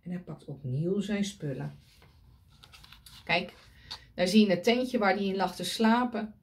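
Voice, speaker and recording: A woman's voice: medium pitch, expressive, measured pace. A woman reading a picture book aloud to children, pointing at the pictures and asking them questions.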